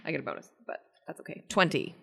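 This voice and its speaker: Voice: quick pace, fairly bright tone. A tabletop game player chatting casually in character, hesitant, with many fillers. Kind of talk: casual tabletop role-play.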